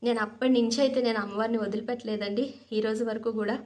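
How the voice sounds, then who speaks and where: A woman's voice: fairly high pitch, fairly even intonation, fast, a little mellow. A young adult woman telling a personal story in an earnest, heartfelt way, acting out the dialogue as she goes. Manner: earnest, heartfelt, sincere retelling with reenacted dialogue. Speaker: storyteller sharing a personal experience.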